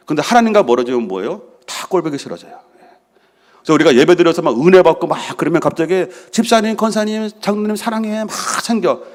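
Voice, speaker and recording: A middle-aged man preaching a sermon as senior pastor, asking the congregation questions and answering them himself. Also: a little high. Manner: drops to a soft hush for prayers he acts out.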